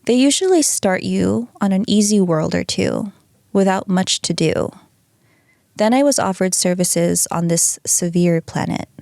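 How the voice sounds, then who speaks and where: A woman voicing a hypnotized male patient who calmly reflects on his soul's choices, reading from a printed script. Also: medium pitch, measured pace, creaky, dry recording, studio quality. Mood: reflective. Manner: calm, reflective answers read from a script.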